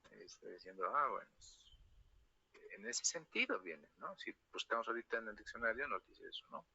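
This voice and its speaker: A man's voice: fairly low pitch, animated, normal speed, creaky, pushed and bright, slightly rough, lo-fi sound. A man with a La Paz Bolivian accent giving a spoken university lecture, tagging nearly every phrase with a question to his students. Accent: Bolivian Spanish, La Paz. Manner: tag questions after nearly every phrase, storytelling asides.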